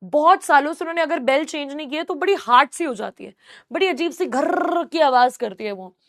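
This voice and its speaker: A woman teacher who reads English text slowly and explains it at length in Hindi to her class. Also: high-pitched, a bit bright. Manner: reads English lines slowly, then explains them in Hindi, calls students "my child". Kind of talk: classroom lecture explaining a story.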